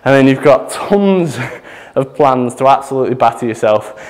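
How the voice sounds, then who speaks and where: A man's voice: mid-range voice, animated, normal speed, a little mellow. A man, out of breath, demonstrating gym exercises as a chatty fitness coach who laughs at himself. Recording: echoey gym with long reverb.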